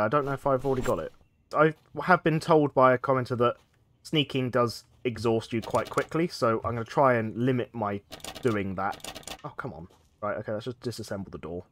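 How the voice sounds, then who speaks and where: This relaxed gaming host chats his way through a let's play, musing aloud while he plays and narrating in a meandering style. He speaks into a desk mic in a mid-pitched, conversational voice made stuffy by a mild cold, and a faint hiss or hum can be heard.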